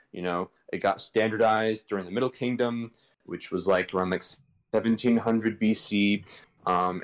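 A man with a lowish voice explains old languages in a loose, irreverent way, tossing in slang and jokes. He talks casually, like a guest on a chat show, and he comes through a video call. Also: rough recording. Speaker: podcast guest explaining linguistics.

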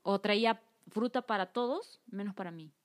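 A woman's voice: mid-range voice, moderate pace. Guest: young woman from Guatemala, casual storyteller who acts out dialogue. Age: young adult. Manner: animated, acts out quoted dialogue. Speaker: podcast guest.

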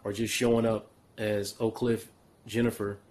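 A man's voice: fairly low pitch, little pitch movement, normal speed, darkish tone. A man hosting a podcast, asking questions hesitantly with many fillers and restarts. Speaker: podcast host. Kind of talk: casual interview.

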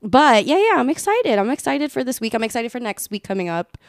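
A woman's voice: fairly high pitch, sing-song, brisk, dry recording, clean studio sound. A young adult woman co-hosting a podcast in casual chat, candid and playful, dropping Spanish words into her English. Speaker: podcast co-host.

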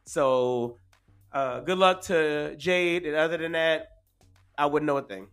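Higher-voiced man chatting, faint music. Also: measured pace, a bit bright, clear, resonant tone. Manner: slangy, drag-scene phrasing. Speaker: podcast co-host. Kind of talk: casual opinionated chat.

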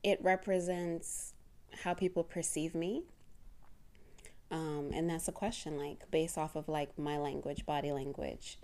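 A woman's voice: low voice, fairly even intonation, measured pace, a little mellow. A woman from Zimbabwe with an American accent that keeps traces of British colonial Zimbabwean, talking casually and thoughtfully, explaining with examples. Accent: American, with faded British colonial Zimbabwean. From Zimbabwe, later the United States. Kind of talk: casual reflective conversation.

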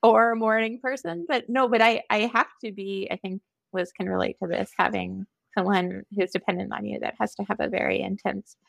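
A woman's voice: medium pitch, steady tone, normal speed, creaky, no room sound. A woman with a Minnesotan accent, a podcast guest talking in a reflective, hesitant, self-deprecating way. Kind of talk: candid conversational interview.

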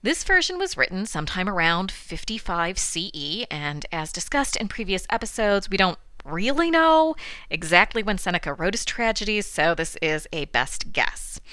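A woman's voice: medium pitch, very animated, normal speed, bright, forceful tone, no room sound. A middle-aged woman hosting a classics podcast, giving a scripted lecture with wry, dry asides. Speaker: podcast host teaching classics.

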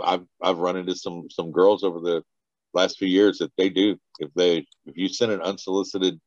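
A Texan man appears as a guest on a podcast, where he's a party organizer, and he rambles casually with lots of restarts and laughter. His voice sits low with a darkish tone, and the recording is dry and lo-fi.

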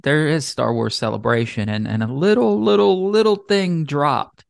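Gravelly-voiced male podcast host. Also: fairly high pitch, normal speed, no echo, clean studio sound. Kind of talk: casual chat.

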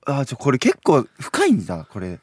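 Lively, fast-talking young man on radio. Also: mid-range voice, slightly rough, dry recording, clean studio sound. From Japan. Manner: playful, quick banter with frequent short acknowledgements. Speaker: radio co-host. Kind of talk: casual radio chat.

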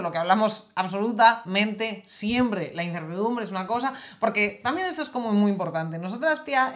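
A woman from co-hosting a podcast, chatting casually in a blunt, emphatic way and swearing freely. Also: mid-range voice. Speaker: podcast co-host. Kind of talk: casual chat.

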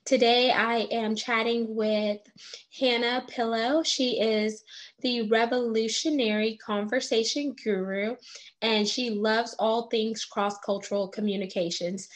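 A woman's voice: fairly high pitch, steady tone, measured pace. A woman hosting an interview podcast, upbeat and enthusiastic as she introduces her guest and asks questions. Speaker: podcast host.

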